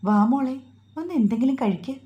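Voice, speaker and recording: A woman's voice: expressive, a little fast, warm tone, breathy edge, highs cut off. A woman voicing a loving, fussy middle-aged mother-in-law who sounds emotional and doting. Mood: eager. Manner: emotional, doting, high and urgent.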